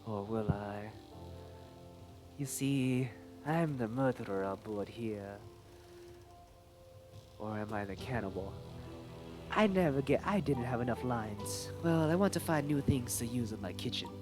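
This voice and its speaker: A man's voice: medium pitch, expressive, a little slow, pauses often, lightly acted. A man voicing a theatrical, teasing cannibal cook on a ship. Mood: menacing. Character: menacing male ship's cook, cannibal murderer. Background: background music.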